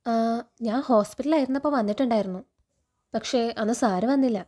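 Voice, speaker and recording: A woman reading the lines of a timid young woman from an orphanage, in a soft, hesitant way. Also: fairly high pitch, a little fast, close to an everyday voice.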